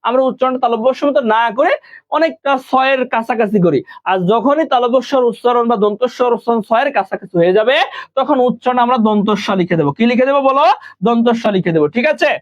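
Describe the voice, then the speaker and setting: A man's voice: extremely high pitch, fast talker. A man from Bangladesh teaching an online class, patiently repeating each point and quizzing his students. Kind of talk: online live class lesson. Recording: dull lo-fi recording.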